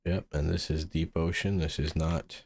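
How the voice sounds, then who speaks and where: A man hosting a gaming channel, musing through relaxed gameplay commentary and sounding sleepy. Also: rumbling low, moderate pace, vocal fry. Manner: mellow, musing, thinks aloud with restarts. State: sleepy, yawning.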